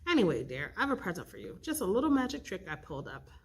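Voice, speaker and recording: A woman voicing a fussy, chatty older fairy godmother in a read-aloud space story, high and gushing. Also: wildly swooping pitch, quick pace, a little hiss or hum.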